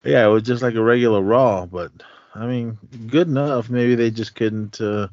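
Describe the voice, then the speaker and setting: A man's voice: mid-range voice, normal speed, darkish tone, dry recording. A middle-aged man co-hosting a podcast in casual, laid-back, slangy chat. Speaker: podcast co-host. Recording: dull lo-fi, dry close sound.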